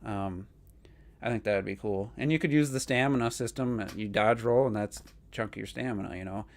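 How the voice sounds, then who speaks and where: A man's voice: on the low side, fairly quick. A man co-hosting a gaming podcast, chatting casually and opinionatedly, rambling with lots of fillers. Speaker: podcast co-host.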